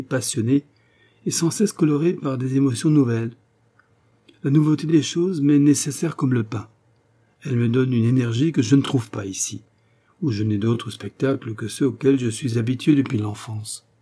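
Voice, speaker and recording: A man voicing a lively, carefree young poet who talks with enthusiasm. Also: medium pitch, moderate pace, close to an everyday voice. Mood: mocking, ardent. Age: young adult. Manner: enthusiastic, raised voice.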